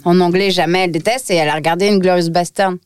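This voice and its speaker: A woman who runs a small business, chatting casually on a podcast and telling lively anecdotes. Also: fairly low pitch, fast, smooth, no room sound, studio quality. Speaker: guest entrepreneur. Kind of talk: casual chat.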